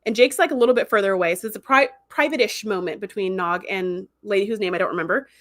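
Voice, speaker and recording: A woman hosting a livestream, reviewing TV episodes in a chatty, animated way and acting out characters' lines as she retells them. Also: mid-range voice, fast. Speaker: host.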